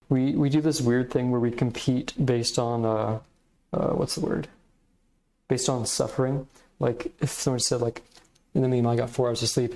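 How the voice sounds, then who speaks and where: A man's voice: mid-range voice, warm tone. A man hosting a podcast, giving casual, reflective commentary in hesitant, meandering phrasing. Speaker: podcast host.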